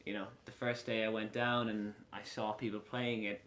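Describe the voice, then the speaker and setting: West of Ireland man, low echoey voice. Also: level tone, moderate pace, fairly bright tone. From Galway, west of Ireland. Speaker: lacrosse player being interviewed. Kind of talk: casual interview answers. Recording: echoey room with faint background noise.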